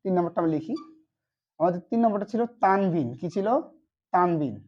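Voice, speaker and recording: Give me a brisk online Quran teacher who keeps asking and answering his own questions. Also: mid-range voice, muffled recording. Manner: repeats questions and answers them himself. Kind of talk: online lesson.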